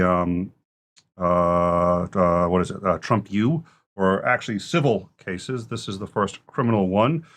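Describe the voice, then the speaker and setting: A man delivering informal breaking news commentary in a halting, hesitant way, searching for his words as he goes. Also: lowish voice, fairly bright tone.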